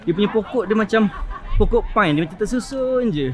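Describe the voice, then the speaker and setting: Travel vlogger, male, Malaysian accent, high-pitched, casual and jokey, music bed underneath. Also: expressive, a little fast. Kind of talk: casual vlog chat to camera. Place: on location at tourist attractions.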